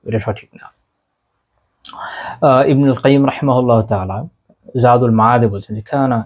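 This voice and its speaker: A man giving an Islamic lesson at a brisk clip, his voice sitting in a middle register. He explains texts as he goes and often asks a question and answers it himself. His speech is sprinkled with "ah" fillers. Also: medium pitch, dark tone. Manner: frequent "ah" fillers; recites Arabic passages slowly, then explains them. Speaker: Islamic teacher. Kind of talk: religious lecture explaining texts.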